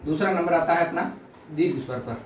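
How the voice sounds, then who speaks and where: High-pitched man teaching, echoey room. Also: a little fast. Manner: explains patiently, repeats phrases, stretches vowels to demonstrate. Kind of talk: classroom lesson. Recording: echoey room, mic at a distance, faint noise.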